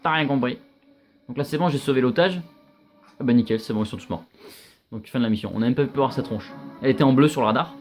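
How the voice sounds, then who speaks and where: A young man giving casual, chatty commentary while playing a video game, reacting loudly and swearing often. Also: medium pitch, fast, long pauses, soft background music.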